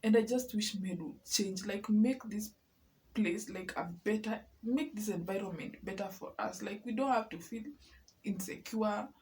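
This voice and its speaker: A woman's voice: medium pitch, moderate pace, darkish tone, poor audio. A young woman with a Kenyan accent, speaking in an upset personal vlog, often saying "like" and slipping into Swahili. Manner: upset, fills speech with "like", switches into Swahili. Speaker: vlogger. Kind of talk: emotional personal vlog rant.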